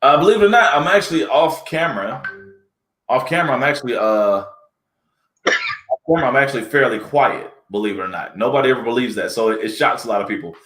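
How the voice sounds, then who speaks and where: Male comedic actor, interview guest; relaxed, anecdotal, echo in the room. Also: mid-range voice, fast. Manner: relaxed storyteller, acts out quoted people. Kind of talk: casual interview chat. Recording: roomy echo.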